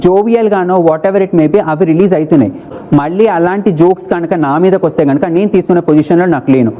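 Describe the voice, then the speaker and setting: A man argues in a rush, emotional and defensive, slipping English phrases into his talk. His voice is mellow and dark, and the recording sounds a little dull. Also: high voice, fast talker. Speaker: reality show contestant. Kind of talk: heated argument.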